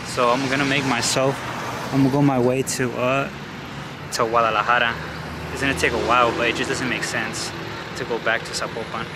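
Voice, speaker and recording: A young Los Angeles man, a travel vlogger, narrates casually to a camera held at arm's length while riding a bike one-handed through city streets, a bit breathless and rambling with lots of restarts and fillers. His mid-range voice moves little in pitch and runs a little fast. Loud street and traffic noise fills the recording.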